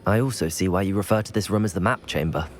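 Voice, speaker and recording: An actor playing a young student wizard in a video game, speaking politely and formally with composure. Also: male voice, sits low, fast talker, slight background noise, natural voice. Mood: composed, respectful. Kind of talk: scripted game dialogue.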